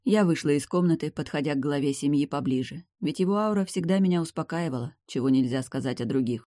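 A reader narrating a first-person fantasy novel in an even storytelling manner. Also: medium pitch, fast talker, no room sound, clean studio sound.

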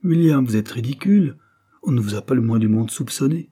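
A man reads a good-humoured middle-aged mill owner in a storybook. He speaks heartily, in a raised, ringing voice. The tone under it stays dark and husky. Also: mid-range voice, animated, a little fast, voice pushed up. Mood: reassuring. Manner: hearty, laughing delivery.

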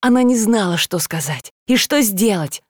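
A woman's voice: mid-range voice, moderate pace, no echo. Woman narrating an audiobook, dry sound. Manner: expressive, emotional reading. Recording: dry close studio sound.

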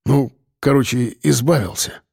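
A man voicing a rough, evasive middle-aged working man who grumbles and mumbles in halting speech. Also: mid-range voice, darkish tone, dry recording, studio quality. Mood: grumbling.

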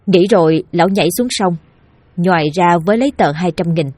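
A woman narrating a village ghost story in a lively storytelling manner. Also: on the low side, fairly quick, no echo.

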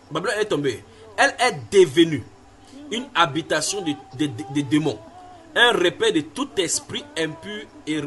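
Guy giving a sermon, kinda high voice, keeps repeating himself, asks the listeners stuff. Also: a bit bright. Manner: emphatic, repeats phrases, asks listeners questions. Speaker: preacher. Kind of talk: sermon teaching with Bible reading.

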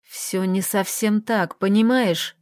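A woman reading an audiobook, voicing a strained, guarded young man who talks in a halting, subdued way. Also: medium pitch, fairly even intonation, darkish tone, no room sound, clean studio sound, lightly acted.

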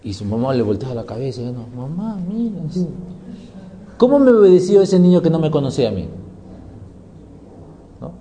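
A man's voice: mid-range voice, big pitch swings, a little fast, pauses often, a crowd in the background. A man preaching a sermon, emphatic, firing rhetorical questions and answering them himself.

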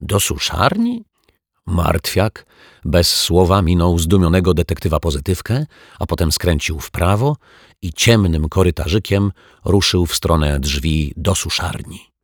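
A man narrating a children's audiobook in a playful storytelling manner, dropping to soft tones for suspense. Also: deep voice, unhurried, no room sound, studio quality.

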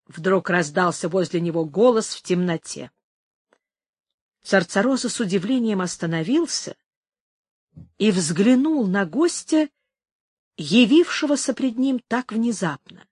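A woman's voice: mid-range voice, lively intonation, measured pace, pauses often, darkish tone, breathy edge, no echo. Woman narrating an audiobook, dry and close.

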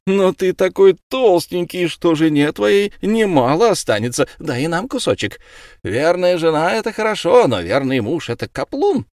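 A man's voice: high-pitched, sing-song, moderate pace, darkish tone, dry recording, studio quality, voice pushed up. A man voicing a crowd of rowdy young women who tease and mock in a raised, lilting voice. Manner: teasing, jeering. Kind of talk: audiobook reading.

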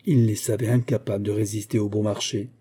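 Man reading an old novel aloud, steady and measured, really dark husky voice. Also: fairly low pitch. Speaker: audiobook narrator. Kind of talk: scripted narration of a classic novel.

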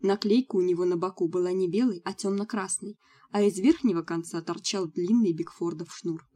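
A woman reading a first-person audiobook in a steady storytelling delivery. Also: on the low side, fairly quick. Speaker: audiobook narrator.

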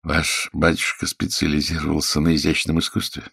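Man voicing a quiet, suave secret police officer. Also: rumbling low, monotone, a little fast, full character voice. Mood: cool. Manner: smooth and quiet.

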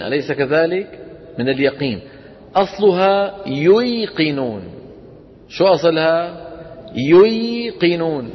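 A man with a Levantine Arabic accent teaching a class, often stopping to quiz his students. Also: a little high. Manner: quizzes students with frequent questions. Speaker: Quran recitation teacher. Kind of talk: classroom lesson. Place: lecture room with students. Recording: dull lo-fi recording in a reverberant hall.

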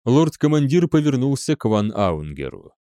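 Male narrator, dramatic scripted reading, lively pitch. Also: moderate pace, dry recording, studio quality. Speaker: audiobook narrator.

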